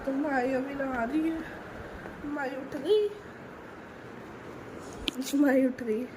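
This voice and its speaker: A hoarse young woman with a sore throat, chatting in a rambling casual vlog and filming on a handheld phone at home. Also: high-pitched, steady tone, extremely slow. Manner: chatty, rambling, fills with "theek hai" and "hai na". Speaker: vlogger. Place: home, preparing a family ceremony. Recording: noisy household background.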